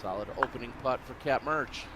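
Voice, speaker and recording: A man's voice: mid-range voice, brisk. A man hosting live sports coverage and calling the play as a commentator. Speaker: broadcast host and play-by-play commentator. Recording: loud crowd and outdoor noise behind.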